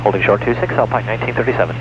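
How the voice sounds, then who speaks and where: A man's voice: fairly low pitch, racing. A man, a pilot over the radio, giving clipped readbacks to a tower. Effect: aviation radio. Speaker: airline or charter pilot calling the tower. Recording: dull aircraft radio, clear engine noise.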